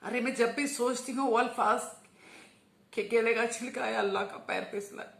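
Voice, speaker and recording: A woman's voice: a little high, fairly even intonation, normal speed, creaky. Fervent woman, roomy echo. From Hyderabad, India. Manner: fervent, emphatic, repeats words for emphasis. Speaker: religious speaker. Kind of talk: impassioned video appeal.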